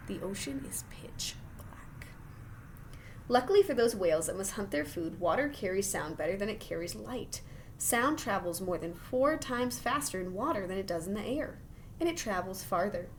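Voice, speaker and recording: A woman with a mid-range voice reads a children's science book like a teacher, expressive and full of wonder. She drops in chatty, encouraging asides for young listeners, and there's a little hiss or hum.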